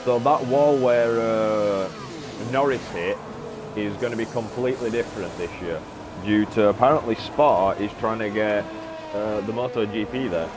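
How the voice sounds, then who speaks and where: Man, low voice, streamer chatting loosely while racing, lots of ums, noisy background hiss. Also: moderate pace. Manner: rambling, full of filler sounds. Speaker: gaming streamer. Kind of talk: casual chat while playing a racing game. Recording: steady background noise.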